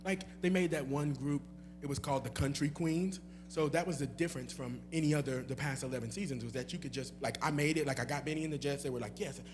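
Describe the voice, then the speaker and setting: A man's voice: medium pitch, quick pace, over music. A young man, a guest singer, answering audience questions in a loose, rambling way with many fillers and laughs, in a church hall. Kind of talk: casual Q&A chat.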